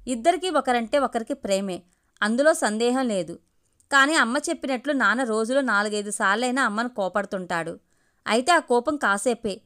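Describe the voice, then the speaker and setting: A woman reading a first-person story aloud in a steady, intimate way. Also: a little high, clear, resonant tone. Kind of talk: scripted story narration.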